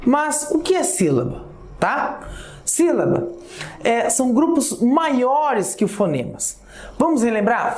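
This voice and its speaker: A woman's voice: medium pitch, darkish tone. A woman teacher with a Brazilian Portuguese accent explaining a lesson, talking to students informally and often checking they follow. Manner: addresses students informally, checks understanding with repeated "tá?" and "ok?". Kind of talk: recorded class lesson. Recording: echoey classroom sound.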